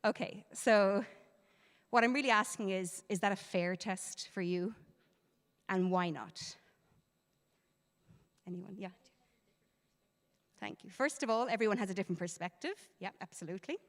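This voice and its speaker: A woman with an Irish accent, a teacher giving a lively, chatty presentation to parents in a school hall and laughing easily. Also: mid-range voice, normal speed, long pauses. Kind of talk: interactive presentation. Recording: reverberant hall.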